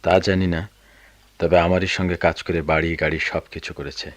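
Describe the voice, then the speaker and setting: একজন পুরুষ অভিনেতা ক্লান্ত, অভিমানী মধ্যবয়সী বাবার চরিত্রে, নব্বইয়ের দশকের বেতার নাটকের ঢঙে।. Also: male voice, deep voice, flat delivery, normal speed, no room sound, natural voice. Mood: weary bitter. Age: middle-aged. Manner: weary, resentful, sometimes raising his voice. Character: weary middle-aged father, bitter and proud. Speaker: father of grown children. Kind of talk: 1990s radio drama acting.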